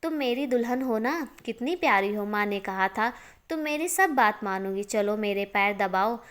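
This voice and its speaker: Childish grinning young guy, coaxing , woman doing the voice, fairly high. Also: lively intonation, moderate pace, a bit bright, clean tone. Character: simple-minded young man, childish and grinning.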